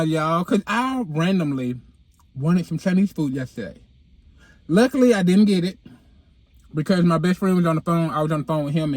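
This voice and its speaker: Sitting in a car and talking into a handheld phone, this vlogger and podcast host has a high voice and a lisp, his s sounds whistling because of dental aligners. He's sassy, slangy and candid in this casual chat for followers, and the recording is slightly mellow and echo-free.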